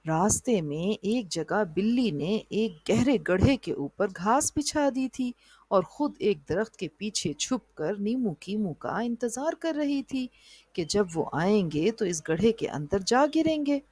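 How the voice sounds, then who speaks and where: A woman narrating a children's moral story in an even storybook reading style. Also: medium pitch, measured pace, husky, no echo, clean studio sound.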